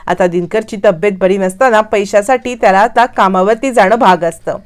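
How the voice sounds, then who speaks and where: A woman narrating a television serial recap in a brisk storytelling way. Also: on the high side. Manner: brisk storytelling with quoted dialogue. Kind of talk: scripted episode recap narration.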